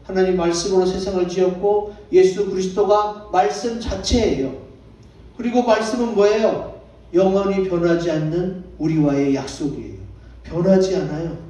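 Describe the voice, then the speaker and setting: Preaching in a church sanctuary, this pastor has a high-pitched yet dark voice and speaks at a moderate pace. He keeps asking his congregation questions only to answer them on his own, and the distant mic picks up plenty of hall echo.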